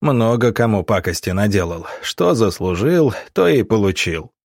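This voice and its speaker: A man voicing a calm young country doctor who talks things through reasonably in an audiobook. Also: lowish voice, normal speed, gravelly, dry recording, clean studio sound.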